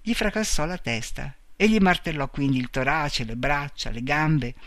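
A man's voice: mid-range voice, normal speed, a bit bright, no echo. Man reading a story in a dry, close voice. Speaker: narrator.

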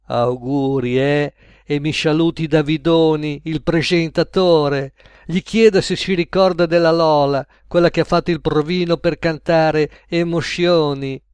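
A man's voice: on the high side, steady tone, a little slow, a little mellow, smooth, dry recording, lightly acted. A man voicing a blunt, weary middle-aged woman cashier who lectures frankly, in a storybook reading. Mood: conspiratorial.

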